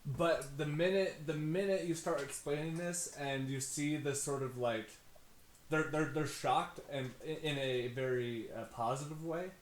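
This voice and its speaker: A man's voice: a little high, steady tone, a little slow, a little hiss or hum. A man narrating an improvised tabletop game as game master, rambling and informal. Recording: echoey room.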